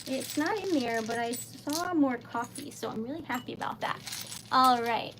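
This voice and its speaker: This livestream host, a New England woman with a Rhode Island accent, chats casually with her audience while crafting, laughing often and rambling. Her voice is a little high and her speed normal, against a noisy background.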